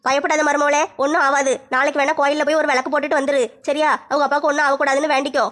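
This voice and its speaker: A woman's voice: sits high, flat delivery, fairly bright tone. A woman playing a blunt, bickering mother-in-law in a comic skit. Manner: rapid, blunt, scolding.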